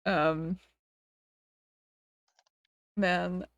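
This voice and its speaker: A woman's voice: lowish voice, level tone, very slow, no room sound. A woman streamer in casual chat, rambling, giggling often and playfully dramatizing her reactions.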